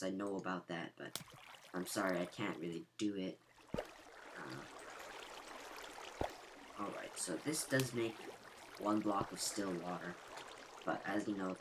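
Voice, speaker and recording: A man with a raspy just-woke-up voice, thinking aloud as he walks through his game build. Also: low-pitched. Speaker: gaming channel host. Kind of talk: gameplay walkthrough commentary. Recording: home mic with steady noise and clicks.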